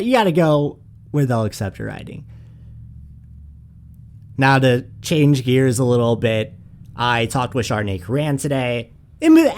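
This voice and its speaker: A man from St. Louis hosting a soccer podcast, laid-back and full of casual fillers. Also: medium pitch. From St. Louis, USA. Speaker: podcast host. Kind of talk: casual interview chat.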